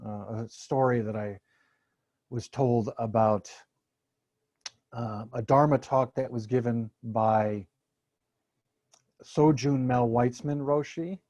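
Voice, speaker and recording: A man's voice: mid-range voice, takes it slowly, long pauses, warm tone, no echo, lo-fi sound. A man giving an informal dharma talk to a gathered online audience in a hesitant, thoughtful way. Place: online meeting from the San Francisco Bay Area.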